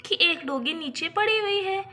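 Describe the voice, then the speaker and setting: A woman narrating a children's doll story, telling it in a slow, deliberate way. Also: extremely high pitch, expressive, pushed and bright.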